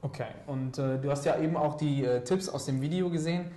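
A man's voice: a little high, a little fast, dark tone, reverberant. A young man hosting a student TV studio interview, asking questions with many fillers and hesitations. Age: young adult. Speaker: host. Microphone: lapel mic.

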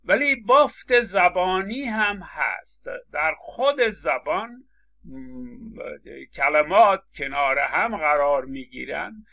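A man's voice: a little high, animated, bright, forceful tone. A man giving a recorded lecture, explaining with examples, acting out short quotes and often stammering on restarts. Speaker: linguistics lecturer.

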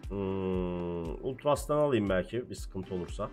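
Excitable man calling a football match. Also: sits low, a little slow, faint music behind. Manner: shouts encouragement at his players, calls play-by-play. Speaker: gaming streamer. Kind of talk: excited football game commentary.

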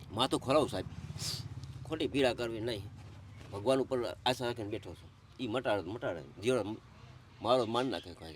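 A man's voice: lowish voice, slight background noise. A middle-aged man, crying and pleading, telling of his hardship and calling the interviewer sir again and again. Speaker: interviewee, father in need. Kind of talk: emotional conversation.

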